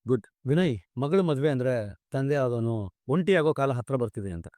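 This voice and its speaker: A man's voice: mid-range voice, animated, normal speed, mellow, no echo, studio quality, lightly acted. An actor playing a middle-aged father who is earnest and tender with his daughter, in a TV serial. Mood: probing. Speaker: father of the bride. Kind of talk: TV serial acting.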